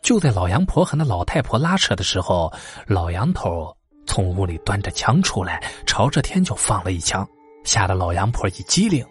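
A male storyteller giving an expressive narration of a folk-horror tale. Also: low-pitched, normal speed. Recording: faint background music.

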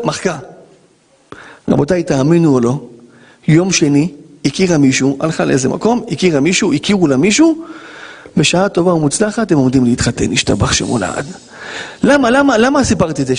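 A man, a rabbi giving an animated Torah lesson, dramatic and joking, acting out dialogues. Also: on the high side, husky, big-room sound. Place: yeshiva lesson hall.

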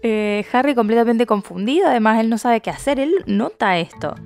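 A woman's voice: on the high side, animated, a little fast, darkish tone. A woman co-hosting a podcast, chatting casually and animatedly, laughing often and using slang. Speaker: podcast co-host. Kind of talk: casual chat recapping a book.

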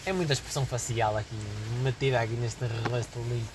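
A man's voice: mid-range voice, fast talker, heavy background noise. A young man with a Portuguese accent, chatting casually as podcast co-host, joking in slang and acting out people in his stories. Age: young adult. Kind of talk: casual chat.

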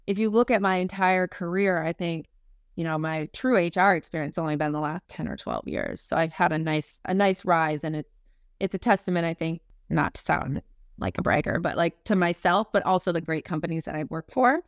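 In a relaxed career interview, a Minnesota-born HR executive shares conversational stories as a podcast guest, leaning heavily on "like" and "you know." She talks a little fast in a fairly low voice, captured with clean studio sound and no echo.

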